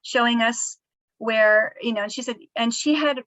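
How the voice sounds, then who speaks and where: A woman author telling a family story in a casual interview, soft-spoken and halting, with frequent fillers. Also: a little high, dry recording. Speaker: author discussing her book.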